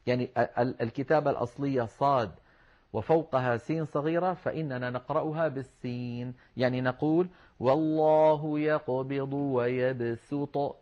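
A man teaching Quran recitation rules, patiently explaining step by step and slowing down to demonstrate words. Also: medium pitch. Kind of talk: explanatory religious lesson. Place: online class with shared screen. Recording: slightly dull lo-fi sound.

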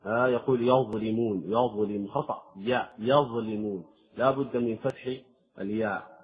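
A man's voice: medium pitch, fairly even intonation. Man teaching recitation over tinny audio. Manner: demonstrates letters slowly, drawn-out examples. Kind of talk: tajweed lesson.

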